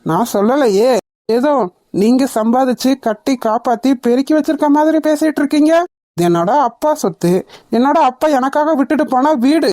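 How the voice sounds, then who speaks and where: Woman playing a cartoon young man, indignant, firm, slightly high voice, dry recording. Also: expressive, brisk, mellow, no room sound. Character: defiant young man claiming his home. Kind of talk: cartoon dubbing.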